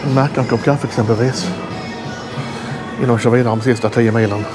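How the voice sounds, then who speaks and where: A man's voice: mid-range voice, steady tone, over music. A middle-aged man vlogging his road trip, chatting enthusiastically to a handheld action camera as he walks outdoors and through a roadside rest stop. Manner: chatty, enthusiastic tour-guide commentary. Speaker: travel vlogger. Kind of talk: casual travel vlog narration. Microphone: action camera held at arm's length.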